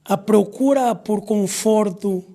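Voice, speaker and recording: A man speaks in a measured way as a psychologist on a casual podcast. His voice is high for a man, yet dark and mellow in tone. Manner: measured, with soft affirming murmurs. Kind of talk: casual conversation.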